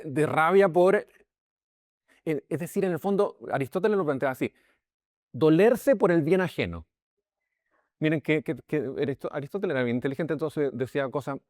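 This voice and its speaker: A Chilean man, a pastor, gives an informal Bible class in a chatty, conversational way, often checking in with his listeners. His voice is slightly high and a little mellow, and he restarts sentences and repeats words a lot. The recording is dry, with clean studio sound.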